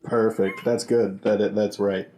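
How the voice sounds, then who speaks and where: Mellow-voiced man joking around casually. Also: lowish voice, takes it slowly. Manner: rambling, jokey, deadpan asides. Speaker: podcast host. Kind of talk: casual comedic chat.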